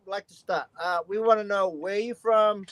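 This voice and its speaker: A man's voice: high voice, normal speed, a bit bright, no room sound. A man in his fifties hosting a casual livestream interview, talking in a loose, filler-heavy way and addressing the guest as "love". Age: 50s. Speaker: livestream host.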